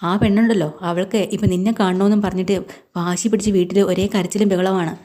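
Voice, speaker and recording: Woman doing a gruff, curt working man. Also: medium pitch, steady tone, a little fast, mellow, lightly acted. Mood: curt, irritated. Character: blunt angry working-class man.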